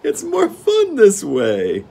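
A man voicing a petulant, vain male gnome king who is quick to anger and gleeful about his tricks. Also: high voice, huge pitch swings, vocal fry, dark tone, breathy edge, pitched above the performer's own voice, exaggerated voice. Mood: smug, gleeful.

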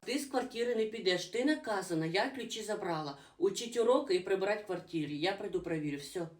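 A harsh stepmother nags and barks orders, as a woman puts her on. Her loud scolding rings in a roomy echo. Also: expressive, fast, close to an everyday voice. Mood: bossy. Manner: scolding, shrill, bossy.

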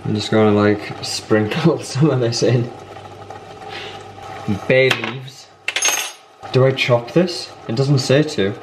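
A young man takes it slowly, leaving long pauses, as he stumbles through a recipe in his home kitchen for a casual cooking vlog, amused at his own clumsiness. His voice is mid-range, and cooking sounds fill the background.

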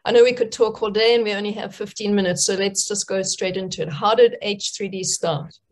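A middle-aged woman moderating an online panel from a room at home over a video call, halting with fillers and repeated words. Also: mid-range voice, steady tone. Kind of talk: hosting a live online panel.

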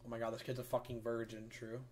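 A man's voice: mid-range voice, completely flat delivery, fast talker, a little mellow, slight background noise. A young man chatting casually as a game streamer in a crude, slangy frat-bro manner with lots of swearing. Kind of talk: casual livestream gameplay chat.

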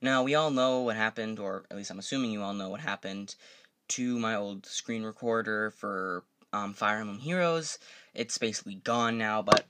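Rambling young man with a low voice. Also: moderate pace, fairly bright tone. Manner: rambling, self-correcting, apologetic. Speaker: gaming channel host. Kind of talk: casual video update. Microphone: desk microphone.

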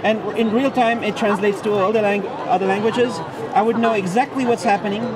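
A man's voice: high-pitched, steady tone, fairly quick. A man hosting a casual trade-show interview from behind the camera, firing eager follow-up questions. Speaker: video interviewer and show host. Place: busy indoor trade-show hall. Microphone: camera mic, speaking from behind the camera. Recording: loud expo crowd and hall noise. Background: loud crowd chatter and hall noise.

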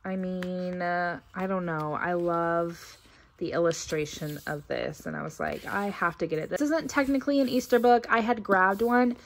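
A young woman narrating a casual haul video at home, thinking aloud as she sorts gifts, with a few soft laughs. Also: lowish voice, steady tone, moderate pace, slight background noise. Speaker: vlogger. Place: carpeted room at home, indoors.

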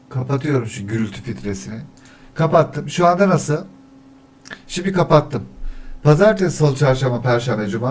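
A man talking casually on a livestream, testing his mic by counting weekdays, reading the chat and grumbling about technical problems. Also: medium pitch. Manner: easily annoyed, grumbling about echo. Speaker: streamer.

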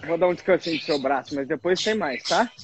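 A man's voice: fairly high pitch, lively intonation, fast. A man coaching a workout, encouraging and calling out rep counts. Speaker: personal trainer.

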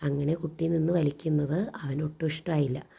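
A woman's voice: deep voice, fairly even intonation, a little fast, creaky, warm tone, breathy edge. A woman teacher reading a story to children and explaining it, asking questions and answering them herself. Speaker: primary school teacher.

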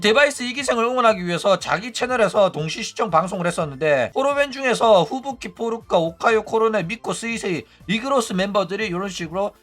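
A man hosting a casual commentary stream, animated and acting out quoted people in raised voices. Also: high-pitched, brisk, hardly any pauses, soft background music. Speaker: streamer host.

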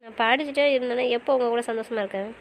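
A woman playing a quick-tongued young wife in an audio romance series, talking back in pouty banter. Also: a little high, a little hiss or hum, lightly acted, rough recording. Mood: sulky, playful. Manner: fast, pouty back-talk.

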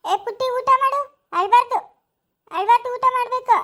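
A woman's voice: very high voice, moderate pace, bright, forceful tone. A woman with a rural Chikkaballapura Kannada accent plays a stern caretaker who keeps ordering a crying little girl to eat. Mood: scolding. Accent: rural Kannada of the Chikkaballapura area. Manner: scolding, insistent, repeating orders. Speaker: orphanage caretaker. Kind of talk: amateur family drama acting.

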